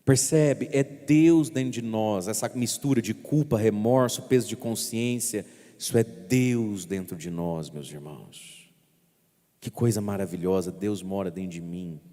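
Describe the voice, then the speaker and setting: A man's voice: on the low side, measured pace, mellow, in a large hall. A man preaching a sermon as a priest, speaking straight to his listeners and coaxing them along, with a theatrical way of acting things out. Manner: theatrical, acting out inner voices and gestures.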